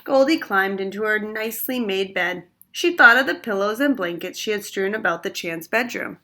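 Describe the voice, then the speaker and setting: A woman reading a picture book aloud for children, pausing to ask listeners questions about the story. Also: mid-range voice, animated, bright, forceful tone. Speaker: storytime reader. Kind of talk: read-aloud storytime narration.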